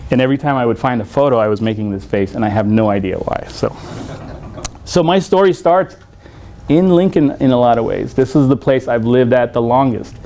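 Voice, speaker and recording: A Salvadoran man in his forties gives a conference talk in a university hall. His middle-pitched voice is brisk and warm, and he jokes at his own expense while filling his sentences with many fillers.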